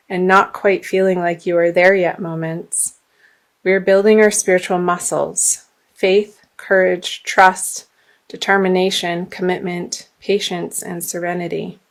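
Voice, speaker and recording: A woman reads tarot cards aloud in a gentle, reflective way, her somewhat low voice a little hoarse. She clears her throat now and then while reading guidance text. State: slightly hoarse, losing her voice. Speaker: tarot reader.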